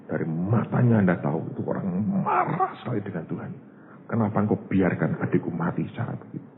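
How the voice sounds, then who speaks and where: A pastor, a man with a fairly low voice, tells a story from the pulpit and keeps turning to his listeners as brothers and sisters. The recording is thin and phone-like, with a faint hiss underneath. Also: animated, quick pace. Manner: storytelling, addresses the congregation as "saudara". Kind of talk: sermon.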